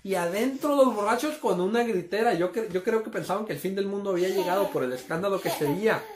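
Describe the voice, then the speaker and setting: A man's voice: sits high, quick pace, reverberant, a crowd in the background. A man casually telling a story to his listeners, calling them friends and acting out the sound effects. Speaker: storyteller host.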